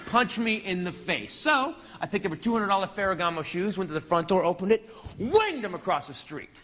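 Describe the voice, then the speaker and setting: A brash male stand-up comedian tells a wild story on stage, his voice pitched high and animated. The live recording carries a lot of background noise. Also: fairly quick.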